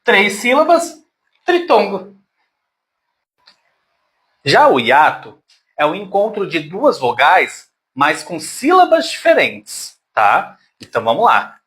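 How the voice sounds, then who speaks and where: A man's voice: sits high, sing-song, slow pace, pauses often, fairly bright tone. A man teaching a grammar lesson to his pupils, patient and affectionate, sounding words out syllable by syllable.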